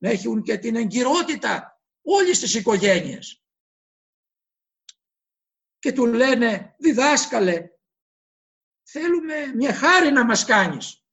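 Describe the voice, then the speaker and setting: Man, preacher, very high voice, gravelly, impassioned sermon. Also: big pitch swings, long pauses, fairly bright tone. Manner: impassioned, dramatizes quoted voices.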